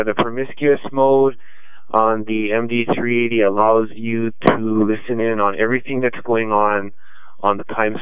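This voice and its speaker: Man, net control, ham radio transmission, low-pitched, measured and unhurried, tinny phone-like sound, dry. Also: clear, resonant tone, no echo. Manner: unhurried and measured, many ums. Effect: heard over a two-way radio. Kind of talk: ham radio net, calling for check-ins.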